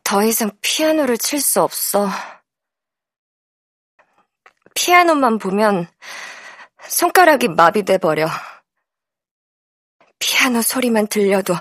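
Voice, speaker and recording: A woman voicing a tipsy, dazed older sister, a pianist, in a slow and dreamy audiobook monologue. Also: medium pitch, no echo. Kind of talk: audiobook character voice. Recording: dry studio.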